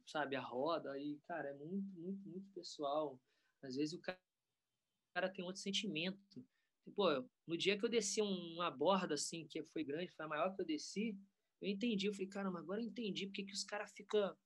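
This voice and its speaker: A man, a professional skateboarder talking in a relaxed, rambling way full of slang. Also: on the high side. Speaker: pro skateboarder guest. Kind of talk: casual interview chat.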